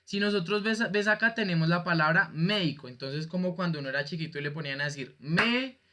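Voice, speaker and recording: Bright-voiced male teacher on a video call. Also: on the high side, fast talker, a little hiss or hum. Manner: patient, jokey, asks students questions. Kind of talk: online class explanation.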